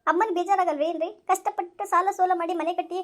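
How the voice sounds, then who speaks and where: An exasperated young family member, played by a woman in an amateur comedy skit who argues back and pleads for calm. Her voice is extremely high and the words tumble out at great speed. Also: quick pace. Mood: upset. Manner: protesting, pleading. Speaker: actor in a village family skit.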